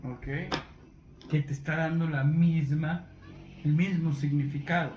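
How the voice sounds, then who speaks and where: A man gives a Bible lesson in a fairly high voice, taking his time and stopping to check in with his listeners. He spells words out letter by letter as he teaches. The room echoes around him, with a faint hiss underneath. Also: steady tone, a little slow, darkish tone. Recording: roomy echo, faint background noise.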